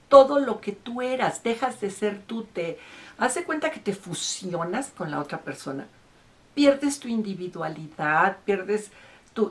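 A woman, a couples therapist, giving advice in an emphatic way and repeating words for stress. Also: medium pitch. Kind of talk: advice talk to camera.

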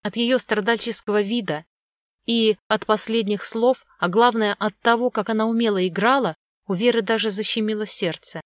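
A woman's voice: mid-range voice, fairly even intonation, moderate pace, no room sound. Woman reading a storybook, dry sound. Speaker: audiobook narrator. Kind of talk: scripted narration.

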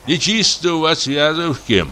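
A man's voice: on the high side, expressive, moderate pace, bright, forceful tone, a little hiss or hum, voice pushed up. A man putting on a fearful, pious old forester. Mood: grumbling. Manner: moaning, sighing, pleading. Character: old forester, pious, easily frightened, whining.

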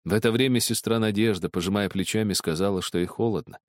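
A man with a low voice reads literary prose as an audiobook, measured and expressive. The recording is dry and close, with no room sound. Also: no room sound. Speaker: narrator.

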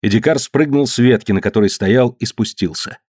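A man narrating a story in a measured audiobook reading. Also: mid-range voice, darkish tone, dry recording, clean studio sound. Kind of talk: scripted narration.

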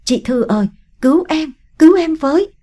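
A woman voicing a brash, sharp-tongued young woman in an audiobook story. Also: mid-range voice, very animated, slightly rough. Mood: panicked. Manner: cheeky, quick to pick a fight. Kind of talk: audiobook character reading.

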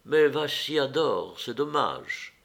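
A man's voice: medium pitch, expressive, takes it slowly, vocal fry, a bit bright, pitched above the performer's own voice, exaggerated voice. A man reading aloud, voicing a weary, grieving mother who sounds tired and guarded.

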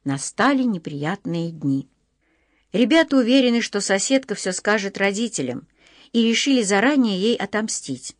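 Woman reading a kids audiobook aloud, mid pitch, measured and expressive, slows down on key bits, dry close sound. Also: no room sound. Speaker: audiobook narrator. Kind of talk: audiobook reading of a children's book.

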